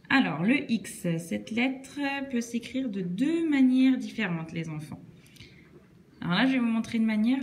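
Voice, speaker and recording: A woman teaching children cursive handwriting, explaining each stroke slowly and patiently, step by step. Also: on the high side, darkish tone, a little hiss or hum.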